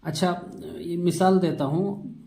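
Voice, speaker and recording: A man teaching a Quran reading lesson step by step, patiently repeating terms and stretching sounds slowly to show them. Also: high-pitched, gravelly, mellow.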